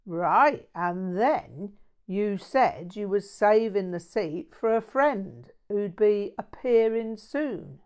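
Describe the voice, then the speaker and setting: A woman's voice: mid-range voice, expressive, slow pace, clean tone. A woman voicing a brash, cheeky working-class man in an audiobook story, with a blunt, matey, slangy way of talking. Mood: brash, sardonic.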